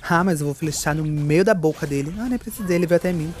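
A woman's voice: low voice, fast, darkish tone. A woman giving live gameplay commentary, campy and theatrical, with playful swearing at her opponents. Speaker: gaming streamer.

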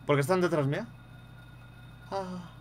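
A man's voice: mid-range voice, expressive, fairly quick, a little hiss or hum. Swearing Spanish gamer man. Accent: Spain Spanish. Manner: swears freely, yelps when startled. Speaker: gaming streamer. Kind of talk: casual gameplay commentary.

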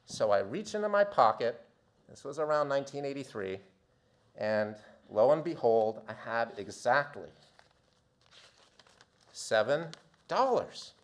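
A man in his fifties from the United States, a doctor telling a theatrical story from his youth in a talk, dropping low and quiet, then building to loud outbursts. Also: measured pace, pauses often. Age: 50s. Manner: animated, theatrical, swings from quiet to shouting. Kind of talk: storytelling presentation.

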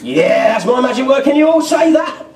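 A man's voice: extremely high pitch, sing-song, normal speed, a little mellow, recorded from a distance. A middle-aged British man doing exuberant kids party magician patter, calling out questions to the children. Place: on stage in a festival marquee. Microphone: distant audience camera picking up amplified voice. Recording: echoey tent PA, picked up from afar.

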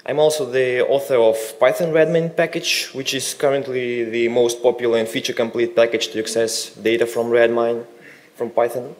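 A man from Russia giving a technical conference talk, with relaxed joking asides. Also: medium pitch, normal speed. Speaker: conference speaker. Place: conference hall.

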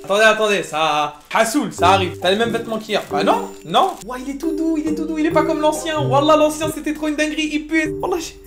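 A tired young man streaming live, chatting in a slangy, excitable way with groaning exclamations. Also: extremely high pitch, fast talker, few pauses, music in the background. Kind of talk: casual live-stream chat.

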